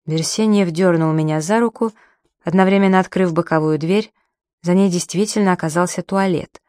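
A woman narrating a novel in a measured, storytelling manner. Her voice sits on the low side and the recording is dry and close, with no room sound. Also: darkish tone, dry recording. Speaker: audiobook narrator. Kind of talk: audiobook narration.

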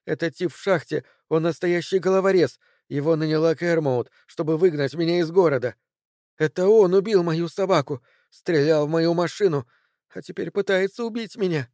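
A man's voice: a little high, steady tone, moderate pace, darkish tone, no room sound, clean studio sound, natural voice. A man voicing a frightened, injured young woman who pleads tearfully, in an audiobook.

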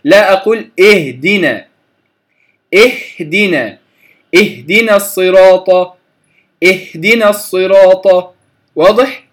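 A man teaching Quran recitation, slowly repeating letter sounds to contrast wrong and right pronunciation. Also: high voice, a bit bright. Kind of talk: lecture on letter articulation.

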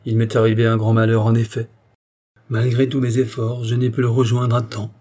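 A man voicing a grave, brooding male nobleman who speaks calmly, firmly and with melancholy. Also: mid-range voice, a little fast, natural voice. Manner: calm, firm and melancholy.

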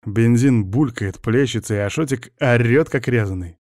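A man's voice: medium pitch, normal speed, darkish tone, no echo, studio quality. A man narrating a first-person crime story with a wry, sardonic manner.

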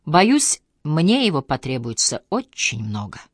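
A woman reading a calm, wry young man. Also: deep voice, unhurried, husky, no echo, clean studio sound, full character voice. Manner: wry, composed, gently sarcastic. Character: young man, calm ironic solicitor on trial. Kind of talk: audiobook character voice.

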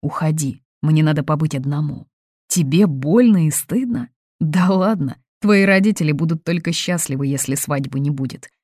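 Lady doing a moody young guy, low dark husky voice, dry. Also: lively intonation, normal speed, no echo. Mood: brooding. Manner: brooding, muttering to himself. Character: young man, foreign student, torn and angry. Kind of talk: audiobook reading.

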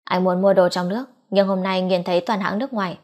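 A woman's voice: on the low side, fairly even intonation, quick pace, darkish tone. A woman reading a romance novel aloud as an audiobook narrator, voicing the dialogue in her own voice. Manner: reads all characters' dialogue in a near-normal voice.

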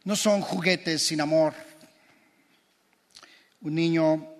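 A man's voice: a little high, steady tone, extremely slow. A man preaching a sermon as pastor, impassioned and building through repeated phrases. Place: church. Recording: long church reverb.

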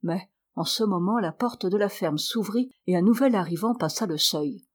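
A woman reading a classic novel aloud in steady, measured narration. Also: lowish voice, husky. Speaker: audiobook reader. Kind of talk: scripted narration.

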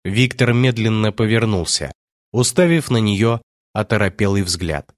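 A man narrating an audiobook in a steady, measured reading. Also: fairly low pitch, no room sound, studio quality. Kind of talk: scripted narration.

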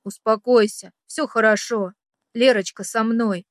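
A woman doing a calm, soothing ex-husband. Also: a little high, a little slow, dry recording, studio quality, lightly acted. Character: calm ex-husband, composed man.

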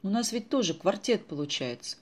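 A reader voicing an excitable teenage girl detective in a storybook, with frequent exclamations. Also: mid-range voice, a little fast, pitched above the performer's own voice, lightly acted. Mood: excited. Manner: eager, exclaiming.

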